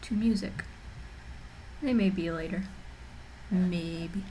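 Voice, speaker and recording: A woman's voice: lowish voice, slow, warm tone, slight background noise. A young woman streaming from home and chatting casually, rambling with lots of fillers and restarts while feeling a little nauseous. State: mildly nauseous. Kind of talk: casual livestream chat. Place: home room.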